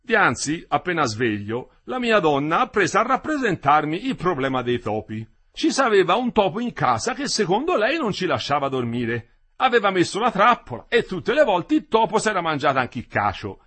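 A man's voice: sits high, pushed and bright, slightly rough, voice pushed up, full character voice. A man reading the part of an older builder, wry and teasing, who later gasps in pain and slips into delirium. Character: old weary Florentine builder, dying after a fall.

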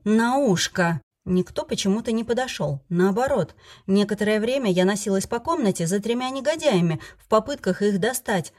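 A woman reading a first-person romance novel aloud as the audiobook narrator, with a lively, expressive delivery. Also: medium pitch.

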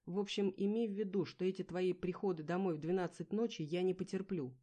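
Jealous husband, sneering and scolding , voiced by a woman audiobook reader, low-set, mellow tone. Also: fairly even intonation, a little fast, lightly acted. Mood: contemptuous. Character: angry jealous husband, adult man, contemptuous.

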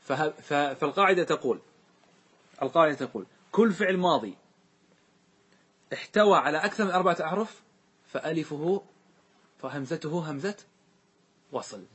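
Man, husky voice, fairly high pitch, classroom lesson, asks questions and repeats answers. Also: animated, moderate pace, long pauses, fairly bright tone. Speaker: teacher explaining grammar verses.

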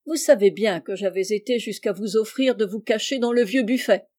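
A woman's voice: medium pitch, moderate pace, a little mellow, lightly acted. A woman voicing a spirited teenage girl who speaks with bold emphasis, read aloud from a storybook. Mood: rousing.

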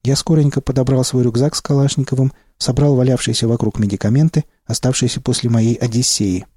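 A man narrating a first-person audiobook in a steady, low-key way. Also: brisk, breathy edge, no echo, clean studio sound.

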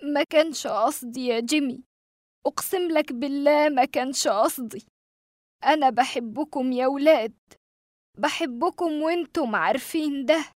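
A woman's voice: sits high, moderate pace, darkish tone, no echo, clean studio sound, voice pushed up, lightly acted. A woman voicing a desperate, furious middle-aged man with an Egyptian Arabic accent, pleading on the edge of tears. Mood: tearful. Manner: agitated, tearful pleading.

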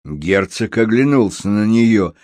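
A man's voice: lowish voice, unhurried, no echo. Man reading a story, dry close sound. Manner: lively, switching into character voices. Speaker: narrator.

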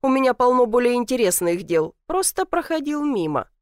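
A woman reading the lines of a mocking, self-assured young man in an audiobook, with a dry, teasing, deadpan delivery. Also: fairly high pitch, a little fast, no room sound.

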